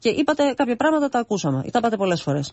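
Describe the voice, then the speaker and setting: A woman's voice: fairly high pitch, very animated, darkish tone, no room sound. A woman, a radio journalist hosting an interview, pressing her guest assertively and cutting in for answers.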